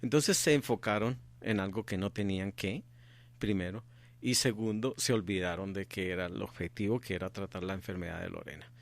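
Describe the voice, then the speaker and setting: A middle-aged Colombian man, an activist father, answers interview questions as a guest, speaking earnestly and repeating his key points for emphasis. His voice is low and creaky, delivered at a brisk pace.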